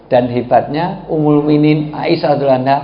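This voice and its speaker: A male preacher, giving an animated, joking sermon and acting out voices. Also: fairly high pitch, fairly quick. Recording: echoey, dull hall recording.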